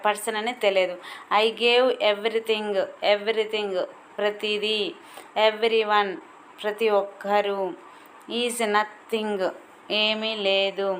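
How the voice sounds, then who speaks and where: A woman's voice: on the high side, slight background noise, rough recording. Woman teacher explaining workbook answers. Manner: reads English answers slowly, explains in Telugu.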